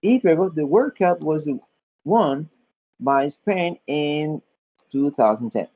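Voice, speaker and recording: A male teacher walks through a lesson in a patient, step-by-step way, often pausing to check that his students follow. His voice sits a little high but sounds mellow and slightly husky. The recording is dull and lo-fi. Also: lively intonation. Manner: patient step-by-step explaining, frequent check-ins. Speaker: English teacher. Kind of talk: classroom lesson.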